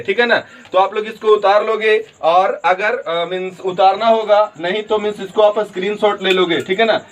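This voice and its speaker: Guy with a high voice teaching english grammar to kids online, goes slow, spells stuff out, keeps checking they got it. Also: a bit bright, rough recording. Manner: explains slowly, repeats "theek hai na", spells words letter by letter.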